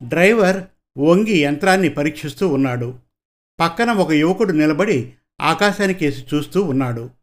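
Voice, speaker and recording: A man narrating a serialized story in a steady, clear reading voice. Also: a little high, normal speed. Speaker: story reader.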